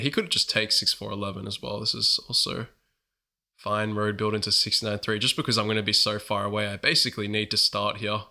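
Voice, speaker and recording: A man's voice: fairly low pitch, bright, forceful tone. A man hosting his gaming channel, chatting casually through strategy commentary while a bit sick. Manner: chatty, upbeat, self-correcting.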